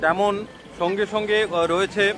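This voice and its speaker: Speaking into a mobile phone on a sea beach, a male live reporter delivers news commentary over roaring waves and wind that buffets the mic. His voice sits high with fairly even intonation, and he repeats details and pauses hesitantly as he explains. The outdoor live stream is noisy with the sea wind.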